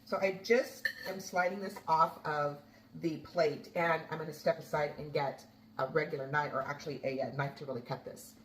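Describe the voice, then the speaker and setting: A woman's voice: sits low, fairly even intonation, moderate pace, reverberant, far from the mic, a little hiss or hum, rough recording. A woman hosting a home cooking video, chatting casually as she makes a sandwich and tastes it. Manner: chatty, homey, talks while cooking and tasting. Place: home kitchen.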